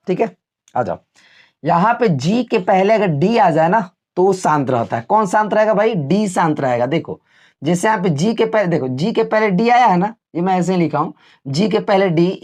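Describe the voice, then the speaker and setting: Chatty male teacher quizzing his class. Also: high voice. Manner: chatty, asks the class a question and answers it himself; homely everyday comparisons, relaxed teacherly tone. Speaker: English teacher. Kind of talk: classroom-style video lesson.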